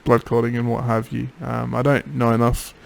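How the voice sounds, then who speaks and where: A man, tired and drowsy after throat surgery, talking in a low-energy way in a casual video diary. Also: little pitch movement, moderate pace, creaky, poor audio. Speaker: patient keeping a recovery video diary. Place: home office.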